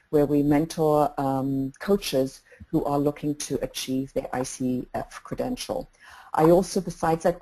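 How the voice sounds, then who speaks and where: A middle-aged woman from England, a coach introducing a webinar, talking in a measured way with frequent fillers and restarts. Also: deep voice, mellow, poor audio. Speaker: executive coach and webinar co-host.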